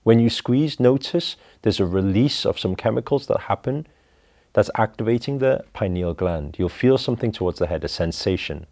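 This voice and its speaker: A man leading a guided breathing meditation, talking slowly and calmly through each step. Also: on the low side. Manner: slow, calm, instructive.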